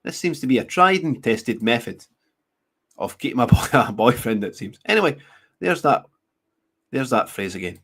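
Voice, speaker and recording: A man's voice: mid-range voice, big pitch swings, fairly bright tone. Sarcastic man reading news. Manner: sarcastic, mocking asides, laughing often; halting, many restarts while reading. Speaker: show host. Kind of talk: reading news aloud with commentary.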